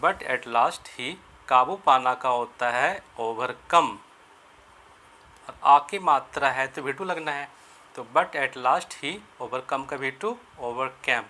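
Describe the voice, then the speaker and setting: A man teaching English grammar in Hindi, explaining each sentence step by step and slowing down to spell out the English phrases. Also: medium pitch, sharp tone. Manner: repeats and rephrases sentences, asks and answers his own questions. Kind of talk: Hindi-medium grammar lesson.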